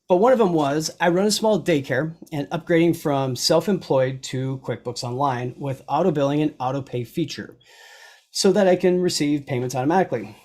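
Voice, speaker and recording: A man's voice: fairly high pitch, darkish tone. A man co-hosting a live online Q&A, chatty and joking, laughing often between his remarks. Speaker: co-host. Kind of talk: casual live Q&A chat.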